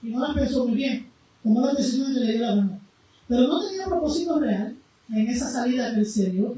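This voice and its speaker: Female preacher, high voice, fervent sermon delivery; distant, reverberant church recording with faint noise. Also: expressive, fairly quick. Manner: impassioned, swinging between loud cries and quiet low passages. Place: church sanctuary. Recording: very echoey room, voice from afar, faint noise.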